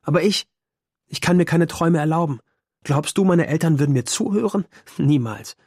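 A man reading an audiobook, voicing a determined teenage girl who speaks calmly and firmly in a raised voice. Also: moderate pace, no echo, clean studio sound. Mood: calm resigned. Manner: calm, firm, raised pitch. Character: determined teenage girl, resigned yet teasing. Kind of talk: audiobook character voice.

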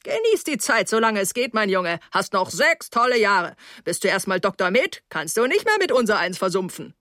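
A man's voice: high-pitched, sing-song, normal speed, bright, forceful tone, no room sound, full character voice. A woman voicing a boisterous middle-aged male dentist who plays the hearty, chummy host, in a dry audiobook reading. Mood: jovial.

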